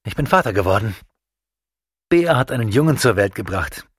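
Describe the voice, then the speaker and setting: A man voicing a stiff British officer in an audiobook, with a clipped, brisk delivery. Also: lowish voice, very animated, slightly rough, dry recording, studio quality. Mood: dry.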